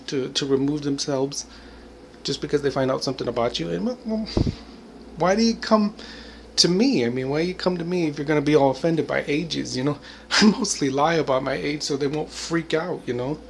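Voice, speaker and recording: A vlogger in his forties talks to the camera in a rambling, reflective monologue, full of "you know," "I mean," and bits of laughter. His voice is a little high and creaky, at normal speed, with slight background noise.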